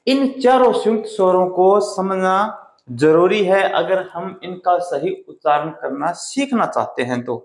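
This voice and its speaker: A man teaching a Hindi grammar lesson, slowly and deliberately sounding out the vowels for his students. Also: high-pitched, a little mellow. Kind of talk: slow blackboard-style grammar lesson. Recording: echoey room.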